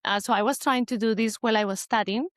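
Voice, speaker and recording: Talking fast in a slightly high voice, a forties-aged woman from Colombia with a Colombian Spanish accent chats about her business in an interview. She hesitates, using many fillers and restarting often, and the studio-quality recording has no room sound.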